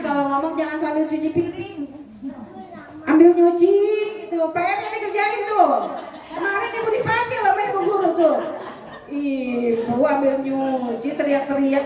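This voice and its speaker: A woman giving a lively parenting seminar to mothers, acting out what a mother says and asking the audience questions. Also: high-pitched. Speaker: parenting speaker. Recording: very echoey hall, speaker far from mic.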